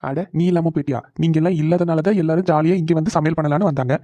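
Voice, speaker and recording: A man voicing a caring husband in a cartoon, talking quickly and reassuringly. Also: on the high side, fairly even intonation, warm tone, no echo, lightly acted. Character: caring husband on the phone with his wife. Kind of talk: animated cartoon voice acting.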